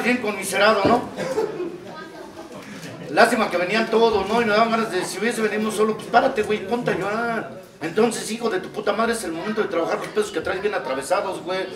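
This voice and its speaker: A man with a Mexican accent gives a profane testimony at a recovery meeting, swinging from low confiding talk to shouting. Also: background noise. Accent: Mexican Spanish. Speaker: recovery group speaker. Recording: echoey room, far from the mic.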